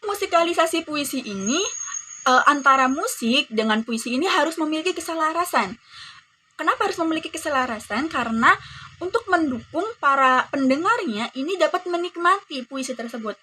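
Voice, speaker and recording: A woman's voice: sits high, lively intonation, brisk, sharp tone, a little hiss or hum. A woman with an Indonesian accent teaching a class lesson, explaining to pupils and acting out example readings.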